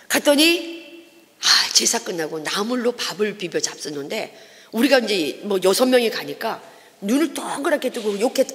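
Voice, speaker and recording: Lively woman preacher in a reverberant church. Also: medium pitch. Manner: lively storytelling, acting out the people in her story. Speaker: evangelist. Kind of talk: testimony sermon. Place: church sanctuary. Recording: long reverb of a church hall.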